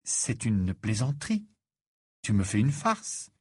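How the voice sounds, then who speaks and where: Man doing an annoyed teen wizard boy, a little higher, husky edge, impatient. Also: very animated, slow, darkish tone, no room sound, studio quality, full character voice. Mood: exasperated. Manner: impatient, incredulous. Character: exasperated teenage boy wizard, level-headed.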